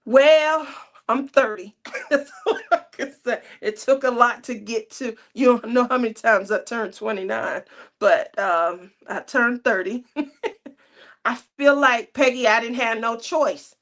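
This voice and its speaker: Brief: woman in her thirties, casual craft-chat host, teasing and laughing, slightly high voice. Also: a little slow, a bit bright. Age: 30s. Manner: chatty, laughs often, teasing.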